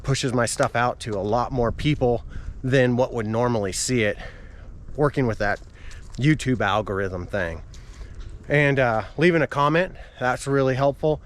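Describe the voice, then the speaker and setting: Out on a walk outdoors, a running vlogger and channel host speaks casually to his viewers on camera. His voice is medium-pitched at a moderate pace, with slight background noise.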